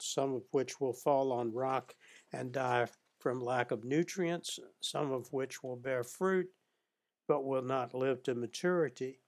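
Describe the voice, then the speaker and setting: A man reading a scripted Bible study lecture, reading scripture passages in a measured, even way. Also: medium pitch. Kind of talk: scripted narration.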